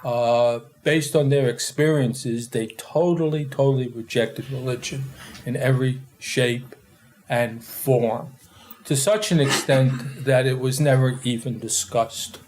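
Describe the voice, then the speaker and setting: A man in his sixties with a New York accent, a guest in an interview telling stories about growing up, in a halting way with many fillers. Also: medium pitch, fairly even intonation, darkish tone, a little hiss or hum. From Austria. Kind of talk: casual storytelling interview.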